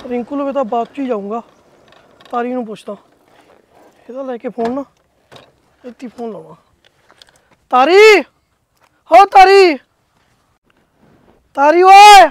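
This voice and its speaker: A man's voice: very high voice, normal speed, long pauses, darkish tone, dry recording. A man playing a young village man who calls out to a friend and pleads on the phone. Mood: casual. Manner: calling out, casual. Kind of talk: village comedy drama acting.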